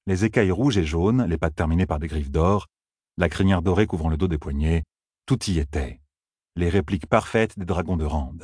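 Deep husky guy narrating a fantasy audiobook, dry close sound. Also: normal speed, a little mellow, dry recording.

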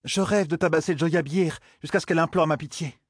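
A man's voice: fairly high pitch, a little fast, slightly rough, dry recording, studio quality, voice pushed up. A man reading an audiobook, voicing a cheerful yet vengeful young woman.

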